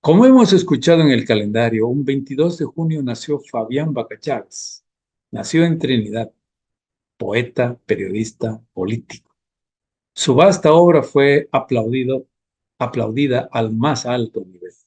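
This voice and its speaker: A man hosting a cultural radio segment, giving tributes and reading a poem aloud in a measured, reciting way. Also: mid-range voice, expressive, darkish tone, slightly rough. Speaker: radio program host. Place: radio studio.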